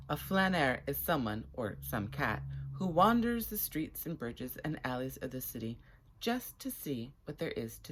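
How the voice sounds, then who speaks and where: A woman with a rumbling, husky low voice reads a children's story to viewers and chats with them, phrasing things expressively and with care. Some slight noise is audible in the background.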